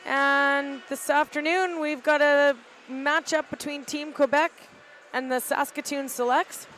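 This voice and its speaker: High-voiced woman calling a rink game. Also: steady tone, a bit bright, a little hiss or hum, rough recording. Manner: casual, halting, frequent "uh" fillers. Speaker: volunteer play-by-play commentator. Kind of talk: live amateur sports commentary. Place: arena balcony above the rink.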